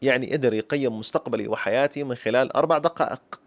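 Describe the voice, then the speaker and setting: A young man with a Syrian accent tells his own story at a breakneck clip. He speaks like a traditional storyteller, turning to his listeners again and again. His voice is mid-pitched, and the sound is dry and close. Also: very fast, no room sound. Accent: Syrian Arabic. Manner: lively folk-tale storytelling with repeated flourishes addressed to listeners. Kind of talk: personal story told to camera.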